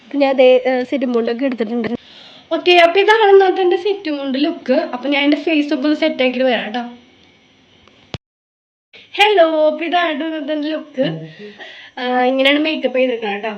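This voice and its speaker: Fast, high-voiced young woman vlogging. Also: highs cut off. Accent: Thrissur Malayalam. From Kerala, India. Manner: chatty, ends sentences with tag words. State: voice worn after a fever. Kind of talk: casual vlog narration. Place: home work area, then temple grounds. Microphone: phone camera set down nearby.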